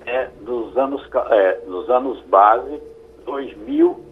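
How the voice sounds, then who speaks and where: A lawyer, answering callers' questions on a radio call-in show in a measured, explanatory way. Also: male voice, medium pitch, huge pitch swings, a little hiss or hum. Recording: phone-like radio line.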